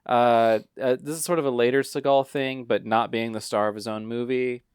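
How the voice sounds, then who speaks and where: A man co-hosting a movie podcast, agreeable and quick to chime in. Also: medium pitch, steady tone, clear, resonant tone, no echo, studio quality. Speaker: podcast co-host. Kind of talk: casual chat.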